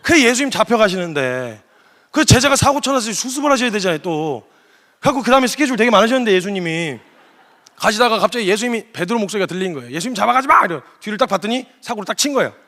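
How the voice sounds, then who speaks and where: A man preaching in church, telling his story in a comic, lively way and putting on quick voices for the people in it. His voice sits high for a man. He talks at a brisk, rapid clip. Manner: comic retelling, acting out quoted voices. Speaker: missionary preacher. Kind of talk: humorous storytelling sermon.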